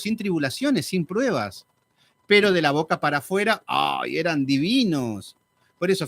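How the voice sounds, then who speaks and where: A man teaching a live Bible study in an animated, sarcastic, conversational way. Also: sits high.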